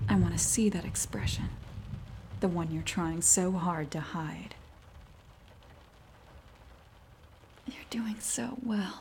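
Whispered role-play: actress as teasing, dominant female neighbor, murmuring right in your ear; unhurried, soft-toned, audible hiss behind. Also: mid-range voice. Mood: teasing, commanding. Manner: slow, coaxing, breathy delivery.

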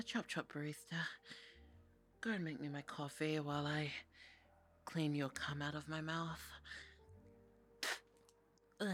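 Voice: mid-range voice, a bit bright. Someone putting on a bratty, bossy brat. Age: young adult. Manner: snippy and impatient, ordering around. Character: bratty, demanding, bossy young adult. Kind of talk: adult audio roleplay.

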